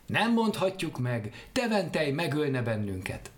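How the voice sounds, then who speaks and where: Jackdaw flock voiced by a man: high, slow, sly and sing-song. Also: very animated. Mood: fearful. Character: frightened chattering flock of jackdaws.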